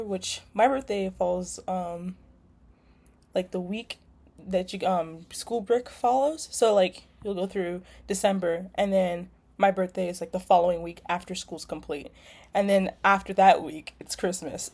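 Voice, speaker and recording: A woman's voice: medium pitch, a little mellow. A young woman from California, a nursing student, casually introducing herself with frequent ums and likes. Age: young adult. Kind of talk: casual self-introduction video. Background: lawnmowers outside.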